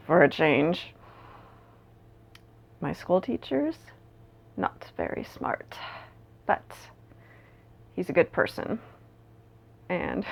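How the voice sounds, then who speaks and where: Masha, a woman acting a slow, creaky, lovelorn soliloquist. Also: fairly low pitch, heavily acted. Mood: resigned. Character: Masha, lovelorn weary young woman drinking away heartache. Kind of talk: stage dramatic monologue.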